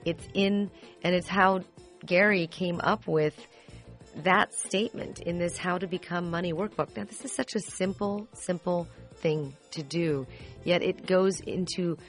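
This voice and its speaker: A woman's voice: on the low side, unhurried, soft background music. A woman hosting a radio interview during a pledge drive, gushing and enthusiastic. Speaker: radio host.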